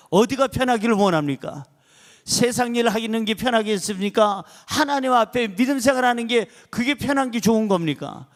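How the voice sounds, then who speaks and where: A middle-aged male pastor preaching with a notably high-pitched voice. He drives his points home emphatically, rising into loud exclamations and then dropping into low, quiet asides. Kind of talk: sermon.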